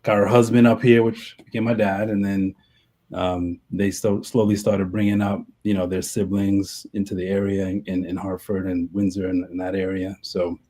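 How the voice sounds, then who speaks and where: A brewer from Connecticut, USA, relaxed and easygoing, tells his story as a guest in a casual interview. His very low voice sounds dark and mellow at normal speed, and he is heard over a video call.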